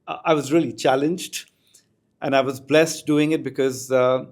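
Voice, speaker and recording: Here the middle-aged school educator, who has an Indian accent, speaks at medium pitch with a steady, slightly mellow tone and normal speed. As a podcast guest, he shares personal stories in a reflective, articulate manner.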